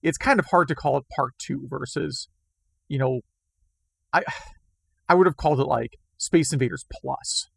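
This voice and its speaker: A man co-hosting a casual retro gaming podcast chat, rambling and self-deprecating, his voice going hoarse. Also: medium pitch, normal speed, pauses often, fairly bright tone, dry recording. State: losing his voice. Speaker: podcast co-host.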